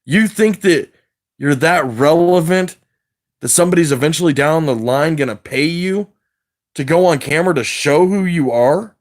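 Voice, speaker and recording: On a livestream, a man with a slightly high voice rants at a moderate pace, agitated and wired. He rambles from one thought to the next and swears heavily.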